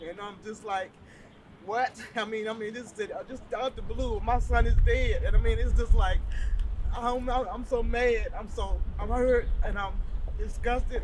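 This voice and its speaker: Distraught woman speaking haltingly. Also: mid-range voice, background noise. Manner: halting, repeats herself, voice breaking with anger. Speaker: bereaved mother at a press conference. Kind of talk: emotional spoken statement.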